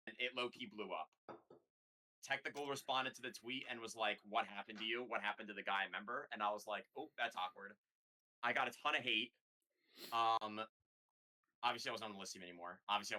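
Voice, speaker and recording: A man's voice: on the low side, fairly bright tone, poor audio. A young man guest in a casual online chat, telling stories in a laid-back, self-mocking way. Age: young adult.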